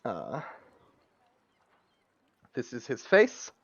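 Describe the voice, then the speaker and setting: A man's voice: mid-range voice, wildly swooping pitch, drawn-out words, vocal fry, breathy edge, no echo. A man narrating a tabletop game as game master, rambling and hesitant with many fillers, on a dull lo-fi mic.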